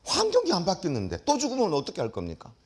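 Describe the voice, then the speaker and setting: A man's voice: a little high, quick pace, slightly rough. A middle-aged man giving a lecture, telling a story dramatically and acting out the dialogue. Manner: animated, acts out dialogue with shouts.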